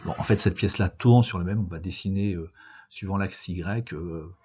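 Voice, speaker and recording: Deep-voiced teacher, lo-fi recording. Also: male voice, moderate pace, warm tone, breathy edge. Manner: casual explanatory, many fillers like bah and euh. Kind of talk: recorded engineering lesson over drawings. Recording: dull lo-fi sound with faint noise.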